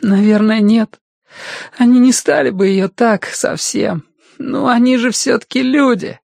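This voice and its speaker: A tearful young boy in a storybook, earnest and gentle, his voice lifted far up into a high childish register, as a male narrator puts him on. He pleads softly, and every line sounds dry and close, with no room around it. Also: wildly swooping pitch, slow, breathy edge, no echo, exaggerated voice.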